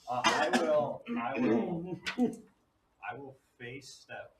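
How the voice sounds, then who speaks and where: A man's voice: on the high side, very animated, very slow, gravelly. A man playing a tabletop role-playing game, talking casually through his moves. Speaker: player in a tabletop RPG. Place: echoey room. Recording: echoey, distant mic with faint noise.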